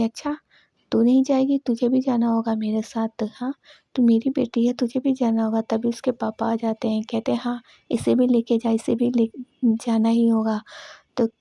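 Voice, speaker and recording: Recorded close to the mic with no echo, this woman has a fairly high, gravelly, mellow voice. She gives a chatty voice-over recap of a TV serial episode, relaying who said what and leaning on "she says" and "okay".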